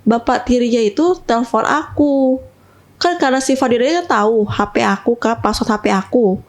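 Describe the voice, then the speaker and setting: A young woman casually shares a personal story with an interviewer, speaking in a slightly high voice at a moderate pace. She's chatty, often adds little tag words, and addresses the listener as sister.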